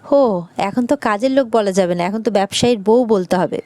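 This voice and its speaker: A woman voices a proud, hot-tempered rich young man, scornful and quick to anger, in a voice only a little removed from her own. The sound is dry and close. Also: mid-range voice, warm tone, no room sound, natural voice. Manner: scornful, angry.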